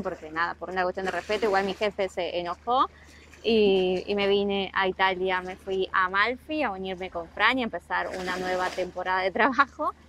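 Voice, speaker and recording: A young Argentine travel vlogger with a Rioplatense Spanish accent chats casually to camera about working abroad, explaining with plenty of asides, first on seaside rocks and then at a harbor. Her voice is medium-pitched and a bit bright, with slight background noise.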